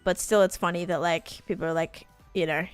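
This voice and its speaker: A woman's voice: fairly low pitch, steady tone, a little fast, smooth, dry recording, faint music behind. A woman, chatting casually and rambling with lots of fillers while she streams a game. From Australia. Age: late 20s. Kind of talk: casual chat while gaming.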